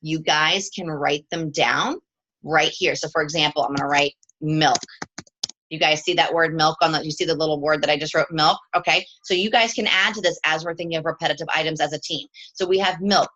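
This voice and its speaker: Woman, fitness coach, live team chat, bright forceful voice, lowish pitch, computer mic at home. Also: fairly even intonation, fairly quick, muffled recording, a little hiss or hum. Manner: upbeat and chatty, checking in with "okay?".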